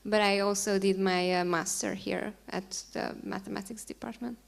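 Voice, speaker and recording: A woman from Romania introducing herself as a PhD student, in a medium voice with a gravelly edge. She speaks plainly and in a friendly way. She is recorded in a campus hall. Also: medium pitch, steady tone, moderate pace. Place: university hall.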